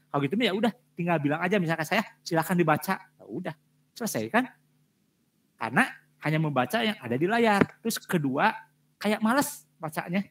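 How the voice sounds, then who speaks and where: A man's voice: high voice, fairly bright tone. A male lecturer giving direct feedback on student presentations, repeating his points for emphasis. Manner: direct, repetitive emphasis with frequent fillers.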